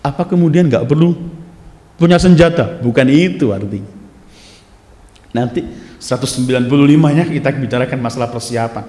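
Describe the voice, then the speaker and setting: A man giving a sermon of Quran commentary, animated and rising to loud, emphatic recitation of verses. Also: mid-range voice, a little fast, long pauses. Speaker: Islamic preacher. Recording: echoey hall.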